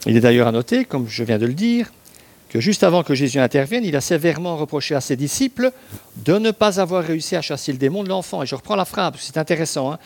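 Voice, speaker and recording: A man with a slightly high voice preaches a sermon. He explains the passage in a relaxed, talky way, breaking off for asides and asking his listeners rhetorical questions. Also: fast talker.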